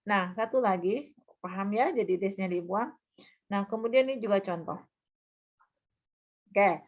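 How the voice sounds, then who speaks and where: A woman teaching a language lesson, patiently explaining and modeling example phrases aloud, with quick checks that the listener understands. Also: mid-range voice. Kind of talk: recorded online lesson. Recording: dull, muffled lo-fi sound.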